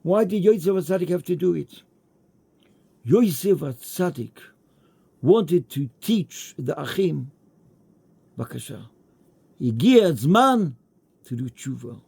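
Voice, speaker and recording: Gravelly man giving an emphatic Torah lecture. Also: expressive, slow, pauses often, darkish tone. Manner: emphatic, rising to high pitch on rhetorical questions; mixes English with Yiddish and Hebrew terms.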